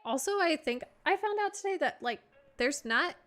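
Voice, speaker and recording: Young female streamer, fairly high and bright, casual and giggly, doting on her pup at the mic. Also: expressive, moderate pace, soft background music. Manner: laughs often, coos praise at her dog. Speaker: live streamer. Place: at home. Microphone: desk streaming mic.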